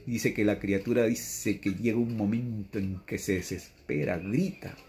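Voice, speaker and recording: A man's voice: on the low side, steady tone, moderate pace, a little mellow. A man, giving an earnest, repetitive spiritual teaching and often quoting a messenger. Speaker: religious teacher.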